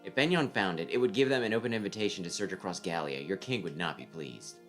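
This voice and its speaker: A man voicing a grave, calculating young strategist from a game script in formal, measured counsel. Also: low voice, a bit bright, faint music behind, voice pushed down. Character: grave, calculating young army strategist advising his commander. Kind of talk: game script read aloud.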